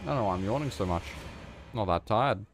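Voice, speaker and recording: A man's voice: lowish voice, lively intonation, fairly quick. A man giving casual, mumbling commentary while playing a video game, with self-deprecating asides. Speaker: gamer.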